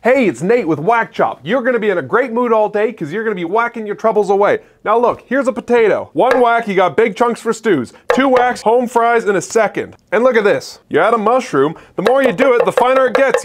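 A man doing a parody infomercial pitch, with loud, fast-talking salesman patter. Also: expressive.

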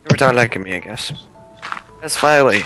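A man's voice: medium pitch, expressive, normal speed, a bit bright, faint music behind. Sarcastic teen boy in game chat. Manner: sarcastic, exasperated banter. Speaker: friend being trolled in a game. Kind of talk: casual gaming chat.

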